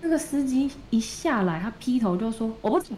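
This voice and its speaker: A woman co-hosting a podcast, retelling a story in a lively, casual way and acting out the quoted dialogue. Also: a little high, moderate pace. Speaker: podcast co-host.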